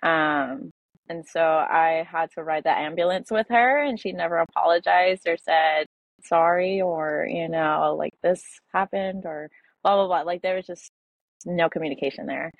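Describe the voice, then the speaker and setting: A woman's voice: lowish voice, a little slow, no echo, narrow, tinny audio. A young woman in her twenties, a podcast guest, telling a personal story in a casual way with many fillers.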